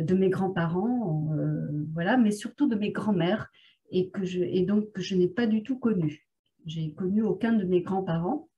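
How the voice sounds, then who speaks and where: Slow, mellow-voiced woman therapist, hesitant. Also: mid-range voice. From France. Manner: hesitant, full of filler sounds. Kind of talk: casual conversation on a video call. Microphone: video call microphone.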